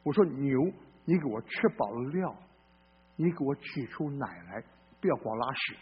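A male pastor preaching a sermon in a blunt, folksy way, swinging between loud outbursts and low murmurs and asking listeners questions. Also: expressive, normal speed, muffled recording, background noise.

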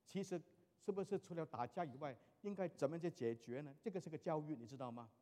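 Middle-aged man, pastor, lively storytelling sermon, fairly high voice, long hall echo. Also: fast talker. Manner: animated storytelling, mixing in English phrases.

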